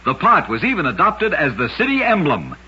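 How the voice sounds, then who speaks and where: Huge pitch swings mark this man's slightly high, sharp and slightly rough voice as he narrates short oddity stories fairly quickly. His radio-host delivery is scripted, dramatic and emphatic, on a noisy, band-limited vintage recording with dull audio.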